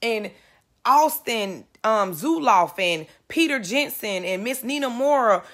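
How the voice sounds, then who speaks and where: A woman's voice: fairly high pitch, lively intonation, slow pace, fairly bright tone. A woman in her thirties giving an earnest, emotional motivational talk to live viewers, close to tears and repeating phrases for emphasis. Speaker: network marketer speaking to live viewers.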